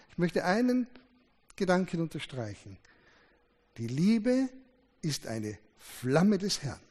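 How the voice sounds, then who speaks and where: A man's voice: fairly high pitch, a little mellow. A man preaching a sermon, emphatic, his voice rising and dropping sharply to stress his points. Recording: long hall reverb.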